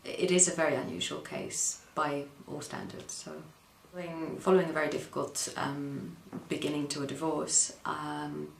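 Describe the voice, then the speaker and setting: Telling her personal story during an interview, a woman from the Netherlands uses a very low, heavily fried, gravelly voice with fairly even intonation. Her speech is halting, full of ums and pauses, recorded in an echoey space with faint underlying noise.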